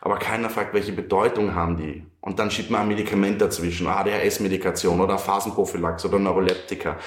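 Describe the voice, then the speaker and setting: A man's voice: deep voice, quick pace. A man, a psychiatric nurse, telling stories animatedly in a casual podcast chat. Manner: animated storytelling, many restarts. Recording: roomy echo.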